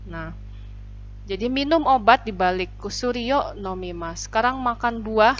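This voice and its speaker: A woman teaching a language class, patiently explaining vocabulary and repeating phrases slowly for students. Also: on the high side, lively intonation, a bit bright. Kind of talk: online classroom lesson. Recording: dull lo-fi recording.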